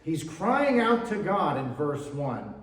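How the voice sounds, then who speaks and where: This pastor's voice runs on the high side, sing-song and unhurried, as he preaches in the sanctuary. He reads from scripture and chats informally between passages, picked up by a distant mic amid the hall's echo.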